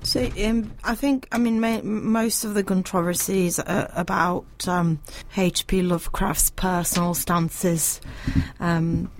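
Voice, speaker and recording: A woman with a slightly low voice co-hosts a radio book discussion. She speaks thoughtfully and haltingly, in a casual register, over faint background noise. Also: fairly even intonation. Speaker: radio show co-host. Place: radio studio.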